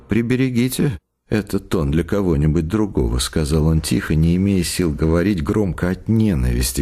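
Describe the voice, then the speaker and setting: A man reading a literary audiobook with lively, wide-ranging intonation. His delivery is dramatic and varied, shaping each sentence for the story. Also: sits low, big-room sound. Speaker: narrator.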